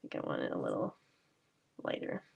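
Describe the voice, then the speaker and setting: Sounding stuffy from a cold, a woman talks fairly quickly while showing how to make cards in her basement craft room, and the audio has its highs cut off. She chats casually, laughs lightly and often, and is self-deprecating.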